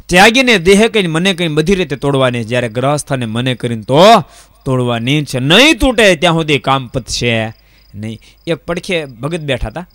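Swami giving a sermon, highish bright voice, tells stories n asks the crowd stuff over and over. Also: male voice, a little fast, no room sound. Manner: repeats rhetorical questions to the audience; lively storytelling, voices the people in his stories. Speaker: Swaminarayan monk preacher.

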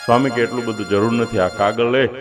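A man's voice: mid-range voice, steady tone, quick pace. A man preaching a sermon, telling a devotional story dramatically and voicing the people in it. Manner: dramatic, voices characters in the story. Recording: clear music behind.

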